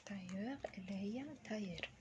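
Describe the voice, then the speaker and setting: A woman with an Egyptian Arabic accent teaching French pronunciation, saying words slowly, repeating them and often dropping to a whisper. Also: medium pitch, highs cut off, very noisy. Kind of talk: pronunciation lesson.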